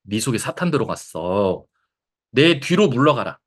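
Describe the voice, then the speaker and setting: A man's voice: big pitch swings, moderate pace. A man voicing a stern male teacher who firmly rebukes his disciple. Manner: firm, low rebuke.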